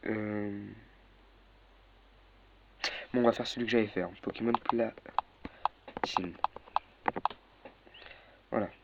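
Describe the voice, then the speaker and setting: A young man with a lowish voice talks through a casual screen tutorial, stopping often to correct himself. The recording is dull and lo-fi, with a faint hiss underneath. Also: fairly even intonation, takes it slowly, long pauses. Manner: hesitant, many fillers and self-corrections. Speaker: tutorial maker. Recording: dull lo-fi mic with faint noise.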